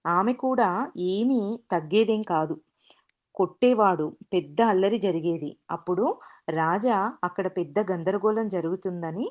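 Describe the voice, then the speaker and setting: A woman's voice: lowish voice, unhurried, dull audio. A woman casually retelling anecdotes as a storyteller, with frequent restarts and fillers.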